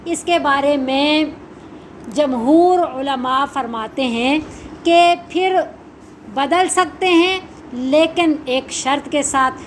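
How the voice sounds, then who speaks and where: A woman's voice: sits high, slight background noise. A woman Quran teacher explaining a religious lesson, asking and answering her own questions. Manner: slow, measured recitation of Arabic supplications.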